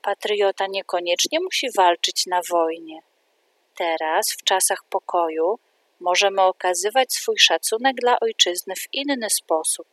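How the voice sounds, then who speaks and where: A woman voicing a gentle, kindly preschool teacher in a read-aloud storybook, explaining softly. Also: mid-range voice, measured pace, no room sound, lightly acted.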